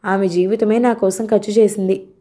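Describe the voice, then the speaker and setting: A woman's voice: medium pitch, steady tone, normal speed, mellow, natural voice. A woman reading the part of a cheerful, affectionate young husband who is earnest about his mother, in her own voice. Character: young educated husband, cheerful and devoted son.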